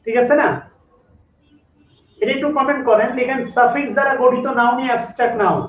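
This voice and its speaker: High-voiced man teaching grammar in an echoey room. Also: fairly even intonation, fast, a bit bright. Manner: repetitive, drills rules and asks students to comment. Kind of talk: live online class. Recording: echoey room, distant mic, dull lo-fi sound.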